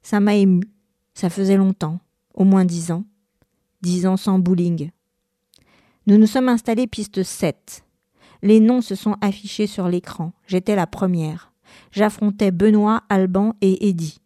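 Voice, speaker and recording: A woman reading a first-person novel aloud in a measured, expressive narrating style. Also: mid-range voice, dry recording, clean studio sound. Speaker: reader.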